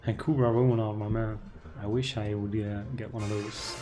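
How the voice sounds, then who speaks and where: A casino streamer with a lowish, level, mellow voice chats casually at a moderate pace while playing slots, with soft music behind him. He reads out viewers' names, greets them as he spins, and cheers at the machine.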